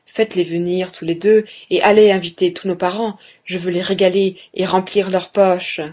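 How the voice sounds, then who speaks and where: Fairy-tale young man, a turner, calm and confident, read by a woman; unhurried, breathy. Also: fairly low pitch, natural voice. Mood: explaining.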